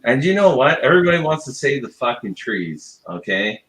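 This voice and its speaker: A man's voice: mid-range voice, very animated, normal speed, a bit bright, reverberant, poor audio. A man hosting a casual chat who rambles, swears and laughs often. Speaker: host.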